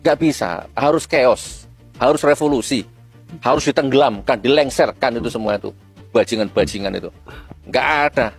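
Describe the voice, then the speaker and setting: A man delivering a scornful, fiery rant with sudden high-pitched outbursts. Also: moderate pace, vocal fry, husky, faint music behind. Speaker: preacher-style political commentator. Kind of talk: ranting monologue.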